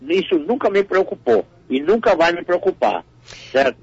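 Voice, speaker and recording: A man's voice: sits high, very animated, normal speed, slightly rough, dry recording. An older man, a comedian, talking in a radio interview and often repeating words as he restarts. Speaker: comedian guest. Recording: muffled radio audio.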